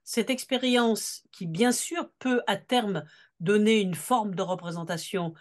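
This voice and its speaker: A woman giving an unscripted political talk at a seminar, earnest and deliberate, leaning on key words. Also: mid-range voice. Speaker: seminar speaker.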